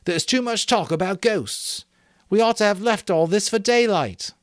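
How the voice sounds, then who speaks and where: A man's voice: sits high, moderate pace, dry recording, studio quality, voice pushed up, natural voice. A man voicing a boy leader in a read-aloud story, earnest and trying to keep order. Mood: exasperated.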